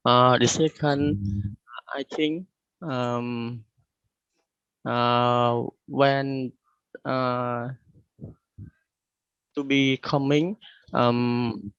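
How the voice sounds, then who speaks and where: Very slow, halting man, muffled audio. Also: mid-range voice, clear, resonant tone, dry recording. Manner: very halting, searching for words. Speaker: discussion participant. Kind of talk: unscripted spoken answer.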